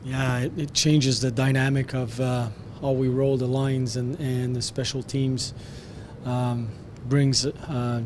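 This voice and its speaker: A man with a French Canadian accent speaks in a flat, even tone, answering reporters after a hockey game. He talks in a measured way, pausing on fillers and restarting phrases. Faint rumble sits behind him. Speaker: hockey head coach. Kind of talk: post-game press interview. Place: arena media backdrop, indoors. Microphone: handheld press mics close.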